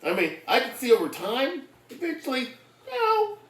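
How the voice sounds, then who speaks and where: A man telling work stories in casual chat, loud and animated, swearing heavily. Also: very high voice, normal speed, far from the mic. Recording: echoey room with faint noise.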